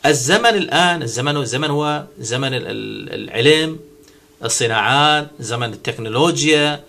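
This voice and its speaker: Bright-voiced man. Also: mid-range voice, expressive, brisk, creaky. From Syria. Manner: hesitant, with many restarts and repeated words; lecturing, strings synonyms together. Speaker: vlogger answering a viewer. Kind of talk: casual explanatory monologue.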